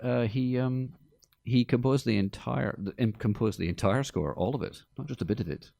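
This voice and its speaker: Gravelly, joking man hosting a podcast. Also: mid-range voice, moderate pace, dark tone, no echo. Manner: jokey, rambling, with many fillers. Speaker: podcast host. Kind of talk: casual chat about film music. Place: studio.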